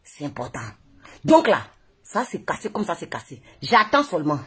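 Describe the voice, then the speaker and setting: A woman's voice: fairly low pitch, big pitch swings, moderate pace, husky. A woman with an Ivorian French accent, a blogger ranting on a Facebook live stream into her phone, mocking and scolding with a lot of laughter. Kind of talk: heated live-stream rant.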